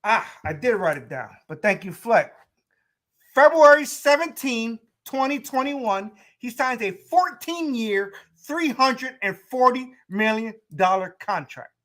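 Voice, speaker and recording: A high-voiced young man hosting a sports talk show. He talks to his listeners in a loose, animated way and often repeats and restarts his points. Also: a little slow. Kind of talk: casual sports commentary.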